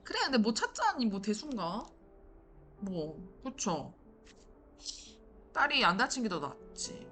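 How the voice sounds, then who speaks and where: A woman's voice: fairly high pitch, very animated, unhurried, long pauses, sharp tone, slight background noise. A woman giving casual, chatty gameplay commentary and muttering to herself as she plays. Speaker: gameplay streamer.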